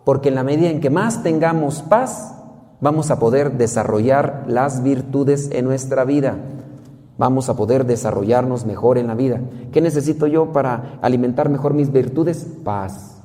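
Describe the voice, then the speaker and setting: A priest giving an animated sermon, telling stories and asking rhetorical questions. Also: male voice, medium pitch, normal speed, long reverb tail.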